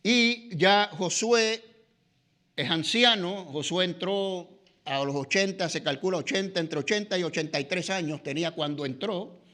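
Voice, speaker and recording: Middle-aged man with a Latin American Spanish accent, church Bible class teacher, conversational, pitched high. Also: moderate pace, bright, forceful tone. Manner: conversational, frequent "¿verdad?" and "¿no?" tags, filler "eh".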